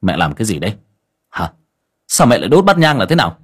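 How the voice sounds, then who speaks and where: A short-fused middle-aged son in a storybook, played by a male narrator. He scolds and demands answers. His voice is husky and sits near the narrator's own. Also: on the low side, big pitch swings, fast talker. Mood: angry. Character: hot-tempered middle-aged son, gullible.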